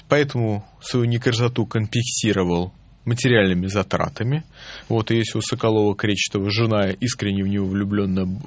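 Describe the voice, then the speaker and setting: Low-voiced man, halting historian guest. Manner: halting, many fillers. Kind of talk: radio interview.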